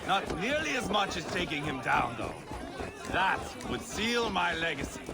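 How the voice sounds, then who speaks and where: A man's voice: high voice, sing-song, normal speed, over a noisy crowd, very noisy. A man voicing a brash, scarred Viking warlord who talks in a crude, mocking, taunting way in video game dialogue. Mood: scornful.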